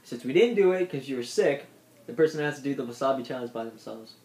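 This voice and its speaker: A man's voice: mid-range voice, expressive, fast talker, darkish tone. A man in his twenties chatting casually as the host of a homemade video. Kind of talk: casual chat. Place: small room indoors. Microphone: tablet at arm's length. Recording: roomy echo, noisy tablet microphone.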